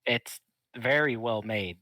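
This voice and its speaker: A man's voice: medium pitch, slow, pushed and bright, no room sound. A man chatting casually and improvising as a player in a tabletop role-playing game.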